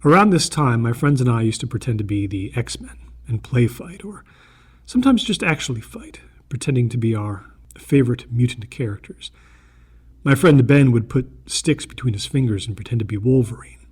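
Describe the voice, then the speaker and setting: A man with a medium-pitched, expressive and slightly husky voice gives an earnest, deliberate reading of a first-person horror story from a script.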